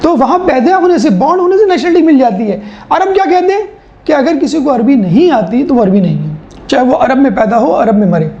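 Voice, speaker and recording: Gravelly-voiced woman teaching a lecture. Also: sits high, animated, dark tone, echoey room, muffled recording. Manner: explanatory, rhetorical questions, mimics people. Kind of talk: classroom lecture.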